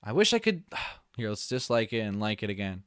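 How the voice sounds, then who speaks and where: A man streaming live, reacting to a video with excitable, swearing, joking commentary. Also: fairly low pitch, fairly quick, dry recording, clean studio sound. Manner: excitable, swears, laughs and jokes a lot.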